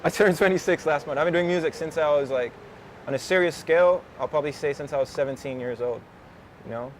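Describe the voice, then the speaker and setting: A man's voice: on the high side, fast, slight background noise. A man in his twenties, a rapper, chatting casually and slangily in an interview outdoors, often laughing and drifting off topic. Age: 20s.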